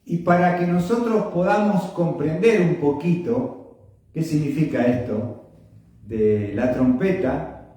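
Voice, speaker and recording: A man preaching a sermon slowly and emphatically, repeating his phrases and often clearing his throat. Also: on the high side, mellow. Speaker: pastor. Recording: echoey room from far off.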